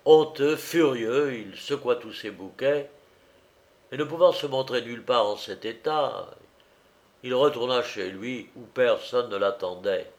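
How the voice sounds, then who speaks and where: A man reading a story aloud as an audiobook narrator in a measured, steady manner. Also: medium pitch.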